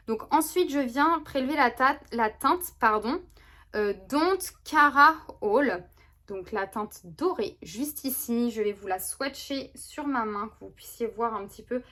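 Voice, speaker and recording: A woman's voice: a little high, fairly bright tone. A woman talking casually through a makeup tutorial, chatty and rambling with many fillers and restarts. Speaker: beauty vlogger. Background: neighbor's lawnmower.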